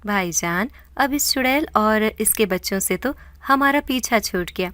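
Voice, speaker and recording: A woman's voice: medium pitch, a bit bright, no echo, natural voice. A woman voicing a cunning, greedy woman who plots against a witch in a storybook horror tale. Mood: gloating. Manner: scheming, self-assured.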